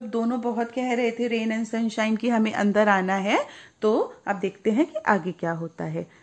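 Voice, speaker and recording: A woman's voice: fairly high pitch, normal speed. A woman teacher reads an English story and explains it in Hindi, going over words patiently and calling her listeners child.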